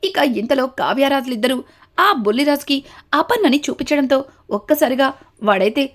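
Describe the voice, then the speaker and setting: A woman with a notably high voice tells a TV serial episode as a story. She moves steadily from one event to the next, tying them together with the same linking words again and again. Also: a little fast. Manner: steady retelling, links events with repeated connectives.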